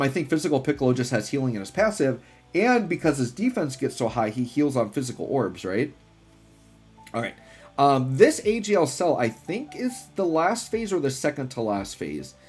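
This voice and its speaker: A man giving casual, slangy gameplay commentary in an excited, rambling way. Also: mid-range voice, moderate pace, husky. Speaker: gaming video host. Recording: music behind the voice. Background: music.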